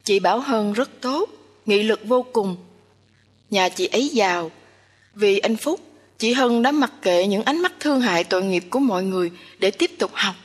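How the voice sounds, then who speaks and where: A woman's voice: mid-range voice, lively intonation, moderate pace, husky. A woman voicing a tired, withdrawn young caregiver who talks in a weary, reluctant way. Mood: earnest. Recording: long hall reverb.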